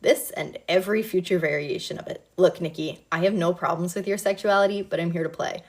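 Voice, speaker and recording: A woman's voice: lowish voice, fairly quick, natural voice. A woman reading aloud and voicing a blunt, guarded young male athlete. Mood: curt. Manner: flat, curt.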